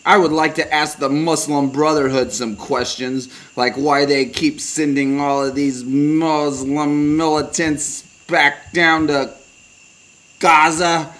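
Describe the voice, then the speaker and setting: A man's voice: a little high, steady tone, slow, fairly bright tone. A man voicing a blustering, hawkish male guest in a puppet comedy sketch, lecturing in a pompous, boastful way.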